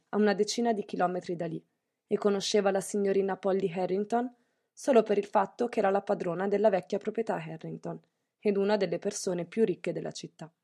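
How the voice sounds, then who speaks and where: Warm-voiced woman narrating a novel. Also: medium pitch. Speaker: audiobook narrator. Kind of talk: scripted narration.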